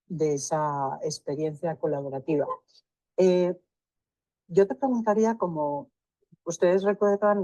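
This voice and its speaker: A woman interviewing a student, asking long, carefully rephrased questions in a measured way. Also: sits low, warm tone, no room sound, poor audio. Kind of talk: research interview.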